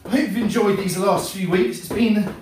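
A man's voice: high voice, moderate pace, a little mellow, a little hiss or hum. Echoey, distant middle-aged male fitness instructor. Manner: coaching during exercise in short encouraging commands. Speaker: fitness and martial arts instructor. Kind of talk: live-streamed exercise class instruction. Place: indoor home gym, hard walls. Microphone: distant camera mic across the room. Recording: echoey room, far from the mic.

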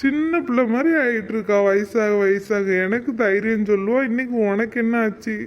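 A man's voice: sits high, moderate pace, muffled recording, lightly acted. A man voicing a reassuring, caring husband in a cartoon, coaxing and chatty.

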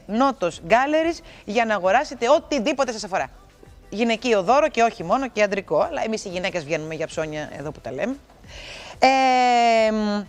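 A middle-aged woman hosting a TV game show, talking to viewers in a chatty, playful way. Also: mid-range voice. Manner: lively, chatty and playful, talks straight to viewers. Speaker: TV show host.

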